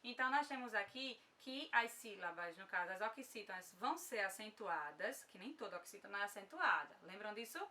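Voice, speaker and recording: A woman's voice: medium pitch, expressive, fairly quick, few pauses, sharp tone, far from the mic. A woman with a Brazilian Portuguese accent teaching an online grammar lesson, patient, often checking in with her students.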